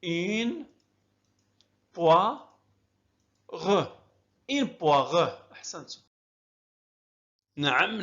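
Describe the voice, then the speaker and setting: A woman's voice: low-pitched, fairly bright tone, slightly rough. A woman teaching French reading, sounding out words syllable by syllable and praising often. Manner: slow, drawn-out syllables with repeated encouragement. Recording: dull lo-fi recording.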